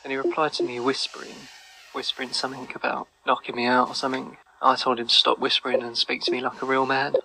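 Gravelly, mocking young-sounding man. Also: medium pitch, monotone, quick pace, pushed and bright, a little hiss or hum, poor audio. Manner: mocking, taunting. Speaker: gamer, prankster. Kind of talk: casual commentary over voice clips.

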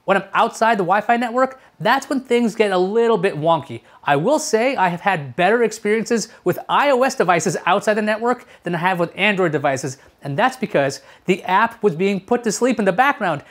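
A man in his thirties hosts a casual tech review to camera from a small furnished room at home, chatty and explanatory, often posing rhetorical questions. His voice sits high and has a fairly bright tone.

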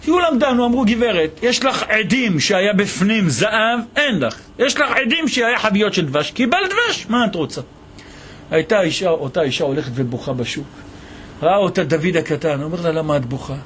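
A man teaching a Torah lesson as a rabbi, telling a story with animated voices for its characters. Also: sits high, a little hiss or hum. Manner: animated storytelling, voicing the people in the tale.

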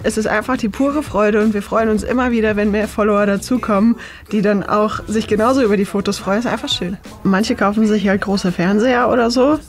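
A woman's voice: mid-range voice, steady tone, fairly quick, faint music behind. Chatty woman in her late twenties. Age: 20s. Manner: chatty, laughs often, many fillers. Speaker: documentary interviewee. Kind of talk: casual interview chat. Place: cinema auditorium.

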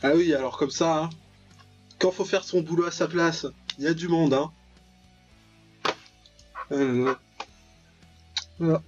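Playing through a visual novel, this young male host speaks at a measured pace with long pauses, his slightly high voice keeping a fairly even intonation. His commentary is casual, jokey and mock-dramatic, full of muttered asides and text read aloud. The clear background music contrasts with his dull, lo-fi voice recording.

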